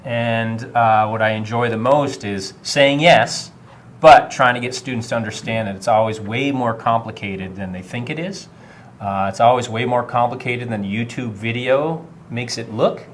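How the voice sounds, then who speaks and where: A middle-aged man from Vermont, a high school technology teacher, answering interview questions casually with many filler sounds. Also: moderate pace, a little hiss or hum. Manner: friendly, many filler uhs.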